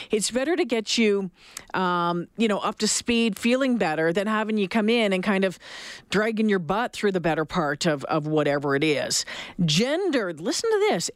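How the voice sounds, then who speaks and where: A woman's voice: medium pitch, no echo, clean studio sound. A middle-aged woman hosting a conversational radio show, stressing points by repeating herself. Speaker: radio host. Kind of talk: conversational talk radio discussion. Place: dry broadcast studio.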